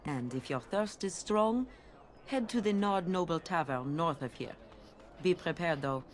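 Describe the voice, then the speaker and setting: A woman playing a courteous, wistful émigré flower seller in a video game, with a French accent and formal, gently questioning phrasing. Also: fairly low pitch, expressive, unhurried. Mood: inviting, courteous. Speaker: market merchant. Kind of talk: video game character dialogue.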